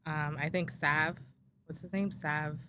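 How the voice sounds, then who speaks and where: Low-voiced hesitant woman guest. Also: fairly even intonation, slow. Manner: hesitant, many ums. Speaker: guest artist. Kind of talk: casual interview. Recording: clear background noise.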